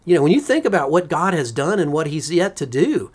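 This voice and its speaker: Give me a reflective co-host on a casual church podcast who talks with steady enthusiasm and frequent fillers. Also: mid-range voice, brisk, slight background noise.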